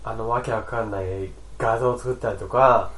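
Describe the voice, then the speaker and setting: A man chatting casually on a podcast, teasing his co-host and patiently explaining software. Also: lowish voice, fairly even intonation, normal speed, roomy sound, low-quality recording. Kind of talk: casual chat.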